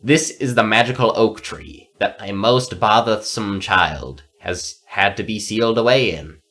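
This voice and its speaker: A man's voice: lowish voice, a little slow, fairly bright tone. A man doing a grumpy, stuffy-nosed old necromancer. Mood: snarky. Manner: snarky, dismissive.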